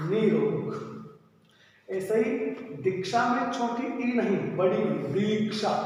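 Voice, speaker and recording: A man's voice: sits high, dull audio, a little hiss or hum. A man teaching a Hindi spelling lesson, explaining each word step by step and repeating the correct form. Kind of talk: classroom-style spelling lesson. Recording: echoey room, distant mic, faint ambience.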